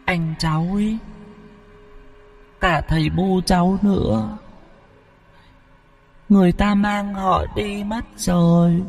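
A man voicing the ghost of a drowned little boy who taunts in a high, thin, soft voice. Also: fairly even intonation, slow, pauses often, faint music behind, exaggerated voice. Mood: eerie taunting. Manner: high, thin, soft and mocking, with eerie laughs. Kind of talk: horror audiobook narration.

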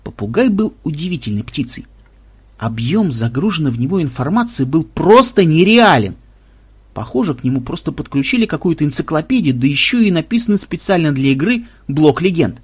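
A man narrates a humorous adventure audiobook with ironic, expressive delivery. His voice is a touch husky and moves through a wide, lively pitch range. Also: brisk. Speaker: audiobook reader. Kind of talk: scripted narration.

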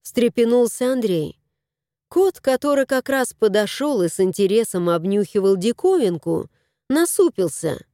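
A woman narrating an audiobook in an expressive storytelling voice on a close mic. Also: fairly high pitch, moderate pace, no room sound.

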